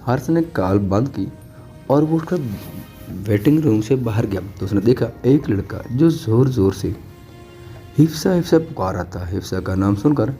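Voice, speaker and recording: A man narrating an audio novel in a steady storytelling manner. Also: mid-range voice. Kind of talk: dramatized novel reading. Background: soft music.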